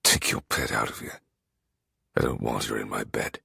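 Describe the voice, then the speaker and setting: A woman's voice: very animated, takes it slowly, fairly bright tone, no echo, studio quality, heavily acted. A woman voicing a drawling, slightly slurred male werewolf lord who turns cold and commanding. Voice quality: gravelly, husky, very deep put-on voice. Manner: lazy drawl turning icy.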